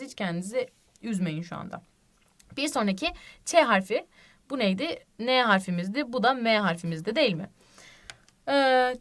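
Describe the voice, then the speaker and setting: A woman teaching a language lesson online, patient and reassuring, repeating each example word slowly and often checking in with her students. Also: a little high. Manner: asks the class frequent tag questions. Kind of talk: online lesson explaining reading rules.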